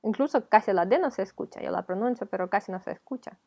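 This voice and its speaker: A woman's voice: mid-range voice, quick pace, mellow. A woman with a Ukrainian accent, a teacher explaining a video lesson patiently, step by step. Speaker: language teacher.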